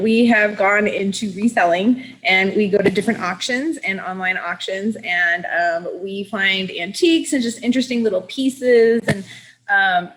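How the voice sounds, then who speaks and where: A woman co-hosting a podcast, talking in a relaxed, plain-spoken way over a video call. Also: medium pitch, poor audio. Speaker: podcast co-host.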